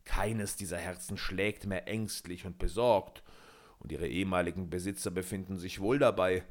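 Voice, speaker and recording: A man voicing a sly tempter who mocks and coaxes in a slow, deliberate, low voice. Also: fairly even intonation, lightly acted. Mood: coaxing. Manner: persuasive, scornful, slow and deliberate.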